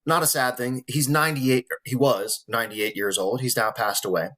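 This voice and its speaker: A man's voice: mid-range voice, fairly even intonation, normal speed, a bit bright. Earnest, emotional man speaking frankly. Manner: earnest, emotional, profane, motivational. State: holding back tears. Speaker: vlogger. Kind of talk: personal talk to camera.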